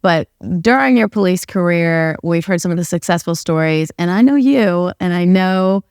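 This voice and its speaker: A woman's voice: fairly low pitch, lively intonation, moderate pace, darkish tone, clean tone, dry recording, clean studio sound. A young woman hosting a casual interview, asking curious, conversational questions. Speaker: host.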